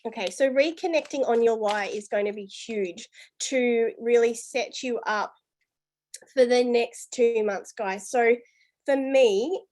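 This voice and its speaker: A woman's voice: on the high side, unhurried, a little mellow. A woman leading her business team, giving a chatty, upbeat motivational talk full of "you know" and "guys". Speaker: business team leader and coach.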